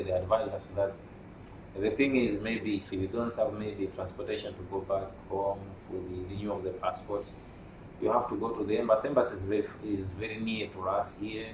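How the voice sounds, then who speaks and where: A man from Malawi answers interview questions in a measured, explanatory way, pausing often. His voice sits low. He is heard from a distance in an echoey room with clear background noise. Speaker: union secretary general. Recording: roomy, distant mic with noise.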